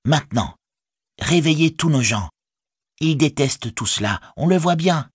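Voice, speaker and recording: Brief: man voicing a commanding young hobbit for a storybook, raised, husky, lively. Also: a little high, a little slow, no echo, studio quality, voice pushed up, exaggerated voice. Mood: urgent. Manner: urgent, commanding. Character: bold young male hobbit rallying his people. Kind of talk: audiobook reading.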